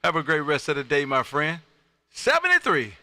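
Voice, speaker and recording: Male radio operator, hearty and friendly, very forceful tone, swooping pitch, close dry sound. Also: huge pitch swings, normal speed, dry recording. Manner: hearty, friendly, punchy sign-offs. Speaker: amateur radio operator running contacts. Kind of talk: ham radio calling and chat.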